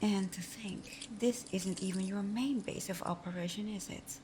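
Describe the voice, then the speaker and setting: Taking the role of a flirtatious, sly female supervillain taunting her heroic nemesis, a woman murmurs breathily and hums teasingly in a scripted ASMR roleplay, sounding teasing and sarcastic. She speaks at normal speed in a natural, steady, medium-pitched voice against a noisy background.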